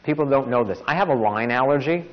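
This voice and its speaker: A man's voice: medium pitch, lively intonation, fast. A man giving an informal self-help talk as a podcast host. He mixes wry, jokey asides into his explanations. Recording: dull lo-fi recording.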